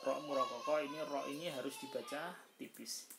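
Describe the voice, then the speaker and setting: A woman teaching Quran recitation rules, explaining slowly with many fillers and drawn-out recited examples. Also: extremely low pitch, vocal fry, very noisy. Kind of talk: informal tajwid lesson. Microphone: phone screen recording.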